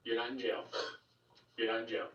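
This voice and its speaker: A man's voice: medium pitch, fairly quick, dull audio. Male detective on echoey interrogation tape. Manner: calm, coaxing, repeats "okay?". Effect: old interrogation tape. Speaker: sheriff's detective. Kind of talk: police interrogation. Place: police interview room. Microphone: distant room mic. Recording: echoey room tape from a distance, faint hiss.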